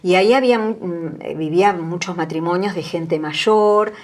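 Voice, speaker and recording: A woman's voice: on the low side, moderate pace, darkish tone. A woman in her sixties with an Argentine Spanish accent, a guest telling her story with earnest emotion. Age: 60s. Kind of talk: testimony in an interview.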